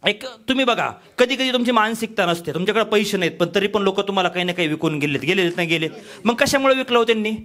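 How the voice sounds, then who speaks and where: High bright-voiced guy hyping up a room on selling, keeps asking the crowd questions. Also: fast, hardly any pauses. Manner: energetic, rhetorical questions to audience. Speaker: business trainer. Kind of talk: motivational sales training talk.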